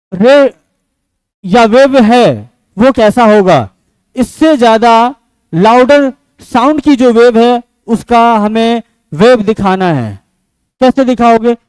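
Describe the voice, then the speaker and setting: Male teacher, high resonant voice, dry close sound, questions the class as he explains. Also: clean tone, dry recording, poor audio. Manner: asks and answers his own questions; switches between loud and soft speech. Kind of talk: classroom physics lecture.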